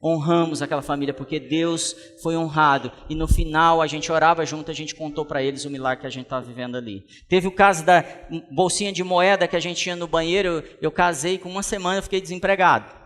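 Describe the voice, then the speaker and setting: A pastor preaching in an animated, storytelling way, his voice pitched a bit high for a man. The sound rings with the long reverb of a large hall. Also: fast, hardly any pauses. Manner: animated storytelling with acted quotes. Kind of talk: sermon.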